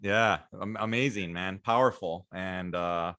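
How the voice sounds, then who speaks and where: A man in his thirties hosting a podcast, talking calmly and reflectively with frequent affirmations. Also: low-pitched, a little slow, dry recording, clean studio sound. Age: 30s. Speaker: podcast host, naturopathic doctor. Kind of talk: casual interview chat.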